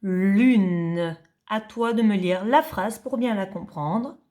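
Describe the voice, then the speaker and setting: A woman teaching young children to read in French, spelling out syllables slowly and distinctly, patient and repeating each sound. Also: a little high, a little mellow. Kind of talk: slow reading lesson for young children.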